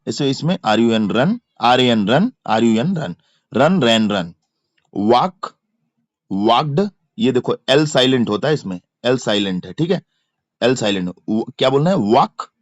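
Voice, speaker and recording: A man's voice: medium pitch, dry recording, highs cut off. A man with an Indian accent teaching English grammar in a lesson for exam preparation, explaining in Hindi and drilling verb forms by repeating and spelling them aloud. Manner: repetitive chanting of word forms, spelling letters aloud.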